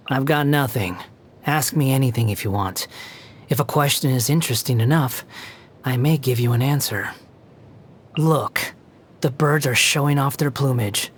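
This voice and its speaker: A young man voicing an aloof, sardonic puppet wanderer in a video game, with a condescending, sharp-tongued, theatrical delivery. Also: on the high side, husky. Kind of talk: video game character voice lines.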